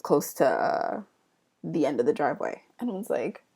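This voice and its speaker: Gravelly-voiced young woman telling a story. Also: sits low, moderate pace. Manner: animated, acts out quotes with laughs. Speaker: vlogger. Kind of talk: casual storytelling.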